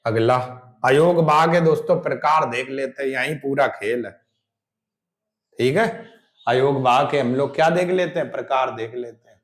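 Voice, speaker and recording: A man's voice: medium pitch, moderate pace. A man teaching Hindi grammar for exam prep, sounding out examples and answering his own questions.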